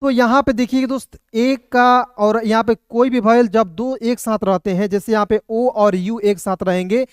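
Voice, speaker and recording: A man gives a patient, repetitive video lesson, walking through each point step by step. He often asks his viewers a short check question and answers it himself. His voice is smooth and resonant, and the sound is dry and close. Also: very high voice, steady tone, measured pace, hardly any pauses, no echo. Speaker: English teacher.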